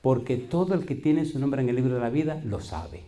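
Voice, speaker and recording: A man's voice: mid-range voice, expressive, fairly quick, dark tone. Man preaching with call-and-response questions. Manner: folksy storytelling with voiced quotes. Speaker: pastor. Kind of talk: sermon.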